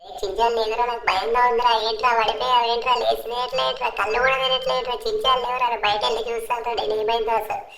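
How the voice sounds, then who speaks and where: A woman's voice: a little high, level tone, rapid-fire, gravelly, fairly bright tone. A woman voicing an anxious young man in a gaming cartoon voiceover, pleading and repeating himself in a panic. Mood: panicked. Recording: echoey room with faint music.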